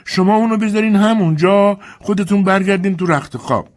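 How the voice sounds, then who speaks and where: A man's voice: high-pitched, voice pushed up, natural voice. A man voicing a heavy, weary old woman housekeeper who scolds in a drawling way, in an audiobook. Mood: placating. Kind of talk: audiobook character voice.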